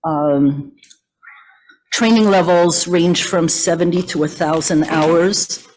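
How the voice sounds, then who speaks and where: A woman reads prepared remarks at a meeting, measured and steady in pace, often pausing to call for the next slide. Her voice trembles from the cold. She speaks in a hotel meeting room. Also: on the low side, rough recording. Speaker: massage therapist giving a meeting presentation. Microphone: meeting audio from a hotel room.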